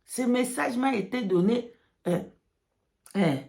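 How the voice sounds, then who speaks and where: This woman speaks slowly in a slightly high, creaky voice with a darkish tone. Her religious testimony to followers comes in imperfect French, not her first language, laced with English and emphatic repeated phrases.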